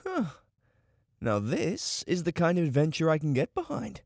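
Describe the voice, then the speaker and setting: A man's voice: a little high, huge pitch swings, moderate pace, creaky, darkish tone, dry recording, clean studio sound, exaggerated voice. An actor playing a sarcastic, jokey young male newcomer agent in an audio drama. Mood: wry.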